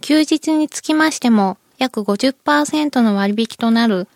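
A woman's voice: fairly high pitch, normal speed, no room sound, studio quality. A woman with a cute, anime-like voice giving polite, prepared explanations as a company spokesperson in an interview. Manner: cutesy anime-style "moe" voice, polite.

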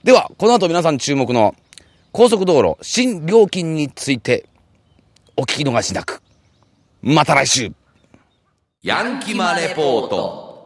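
A man's voice: a little high, sing-song, a little slow, long pauses, no echo, clean studio sound. A man presenting and interviewing as a radio host in a chatty, polite, lightly joking way. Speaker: radio show host and reporter.

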